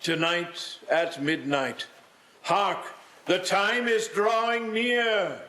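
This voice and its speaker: A man's voice: sits high, very slow, reverberant, noisy background. A man acting an aging, solemn, reproachful spirit in a radio play, with formal, portentous delivery. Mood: grave.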